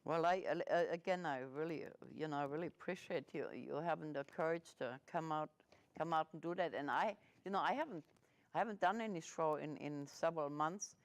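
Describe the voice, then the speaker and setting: A middle-aged woman hosts a casual interview with a slightly low voice. She speaks haltingly and restarts her sentences often. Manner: hesitant, halting speech with fillers and restarts. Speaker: host.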